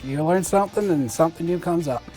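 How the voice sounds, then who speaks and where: A man's voice: a little high, fast talker. A man from the Brandon area who plays pool, giving short, plain answers with hesitations in a casual interview. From Brandon area, Manitoba. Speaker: pool player. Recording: music playing underneath.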